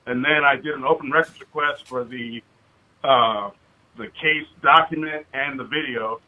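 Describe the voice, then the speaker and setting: Heard through a dull lo-fi phone recording, this caller, an American man and citizen activist, speaks at normal speed in a medium-pitched, fairly even voice. He hesitates and rambles but stays insistent.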